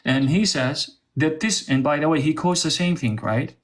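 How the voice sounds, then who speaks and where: Male debater, slightly high voice, Arabic accent, combative, quick to interject and challenge. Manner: combative, interjecting, rhetorical questions. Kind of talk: heated live religious debate.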